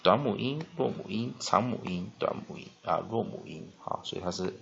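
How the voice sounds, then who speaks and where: A man's voice: lowish voice, moderate pace, vocal fry, fairly bright tone. A man teaches English vocabulary at a whiteboard, explaining step by step, spelling words out and often drawing out a filler "ah". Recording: dull lo-fi recording.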